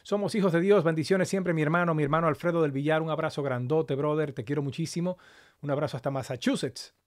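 Hoarse, higher-voiced man hosting a live stream. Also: fast talker. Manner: affectionate, addresses viewers by name. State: slightly hoarse after an hour of talking. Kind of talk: casual live-stream chat to viewers.

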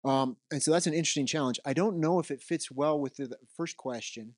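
Speaking off the cuff at a conference keynote, this middle-aged man holds a handheld microphone and wanders the stage in a conversational way. His pitch is slightly high and he talks a little fast, frequently ending points with "right?".

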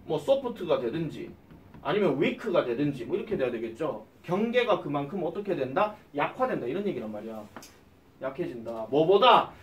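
A male English teacher, giving an exam-prep lecture and quizzing his students with quick questions. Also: on the high side, big pitch swings, echoey room, distant mic, slight background noise.

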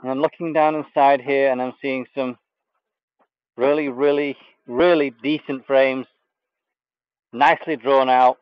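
Out in a bee yard, a man hosts a live beekeeping stream, chatting casually and hesitantly with plenty of fillers while he inspects a hive. His mid-range voice is unhurried, broken by long pauses. He's off frame on a camera mic, with no room sound and the highs cut off.

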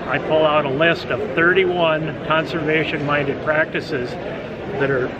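A middle-aged man, a farmer, gives measured, articulate answers in an expo interview. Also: fairly high pitch, steady tone, heavy background noise. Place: indoor expo booth. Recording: dull audio with loud crowd.

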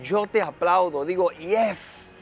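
Man with a pretty high voice, pep-talk vlog, encourages you like a buddy, talks like a network marketing coach. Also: lively intonation, normal speed, soft background music. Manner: encouraging, addresses the viewer as a friend; acts out nervous beginners' voices in quotes. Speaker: network marketing motivational speaker. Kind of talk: motivational vlog advice. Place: hotel, ends showing a rooftop view.

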